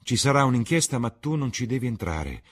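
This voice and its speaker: A man voicing a worldly, cynical male aristocrat, calm and persuasive, in an audiobook reading. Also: medium pitch, a little fast, voice pushed up. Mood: grave. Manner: suave, composed, persuasive.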